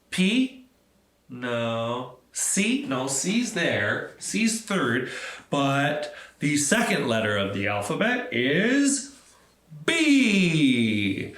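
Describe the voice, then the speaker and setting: In an echoey room, a man with a medium-pitched, fairly bright voice hosts a library storytime for children. He tells stories and leads activities, giving simple, encouraging instructions to the young kids.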